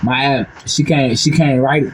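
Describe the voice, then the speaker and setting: A man's voice: mid-range voice, steady tone, a little slow, slight background noise. A middle-aged man, talking casually to viewers on a livestream in loose, rambling street slang. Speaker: livestream host.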